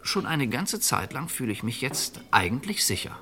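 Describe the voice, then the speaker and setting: A medium-pitched male actor plays a calm, resigned middle-aged fugitive in an old radio crime drama. His delivery is measured and reflective, with a wistful, calm mood.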